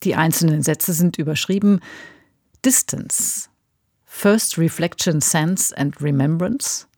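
A woman's voice: low voice, takes it slowly, darkish tone, dry recording, clean studio sound. A woman hosting a radio program, asking probing questions and announcing the next piece. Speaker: radio host.

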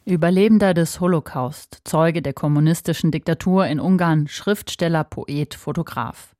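A woman's voice: sits low, moderate pace, dark tone, dry recording, clean studio sound. A woman reporter reading a scripted obituary narration. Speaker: radio reporter.

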